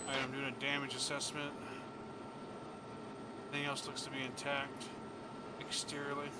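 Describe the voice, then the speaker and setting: A man's voice: mid-range voice, monotone, moderate pace. A man making clipped, matter-of-fact military pilot calls in a flight sim, sounding as if through oxygen mask radio. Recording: very noisy cockpit radio channel.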